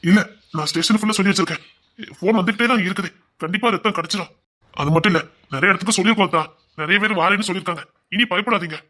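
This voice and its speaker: An anxious husband played by a man in a web drama, pleading and coaxing in a fairly high voice. He speaks with a Tirunelveli Tamil accent. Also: racing, bright, forceful tone. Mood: worried. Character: anxious husband begging his wife.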